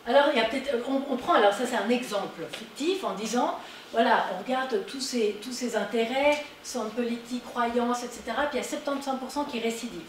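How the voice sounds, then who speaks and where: A woman's voice: a little high, a little fast. Woman lecturing in an echoey hall. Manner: animated, rising emphasis on key points. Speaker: conference speaker. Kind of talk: public conference talk. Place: conference hall. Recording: echoey hall, distant mic, noisy.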